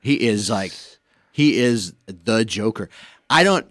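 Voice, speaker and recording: A man's voice: lowish voice, animated, takes it slowly, a bit bright, dry recording, clean studio sound. A man co-hosting a radio station podcast, chatting casually and rambling with repeated words. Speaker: podcast co-host. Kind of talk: casual chat.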